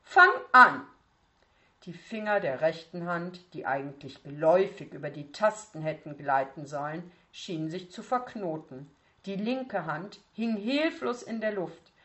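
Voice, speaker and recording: A woman's voice: on the low side, expressive, moderate pace. A woman reading a story aloud, acting out the dialogue with expression. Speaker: reader. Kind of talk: audiobook narration.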